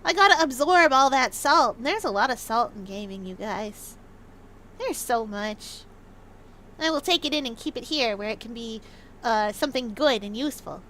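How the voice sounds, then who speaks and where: A woman livestreamer chatting playfully in an excitable, bouncy way, often repeating words for emphasis. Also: fairly high pitch, moderate pace, slight background noise.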